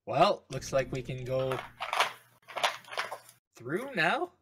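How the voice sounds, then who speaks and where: Male tabletop player, casual, bright and animated in pitch, slower paced, noisy line with clicks. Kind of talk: casual game chat. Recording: clear background noise with clicks.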